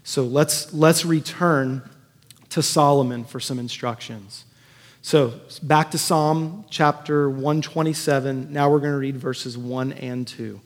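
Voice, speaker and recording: In a hall full of long, echoing reverb, a pastor delivers a conversational sermon slowly, his mid-range voice holding a steady tone. He is earnest and keeps repeating points for emphasis.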